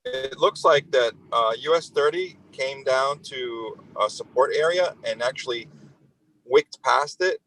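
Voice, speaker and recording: A man's voice: medium pitch, a little slow, low-quality recording. Casting: unsure man, reads charts aloud, stops and restarts. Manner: hesitant, thinking out loud. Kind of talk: casual live trading chat.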